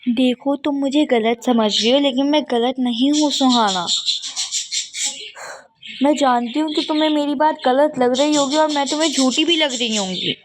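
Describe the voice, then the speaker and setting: A woman voicing a young female classmate who is pleading and persistent, talking in a soft, earnest way in a doll game role-play. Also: sits high, normal speed, noisy background, close to an everyday voice.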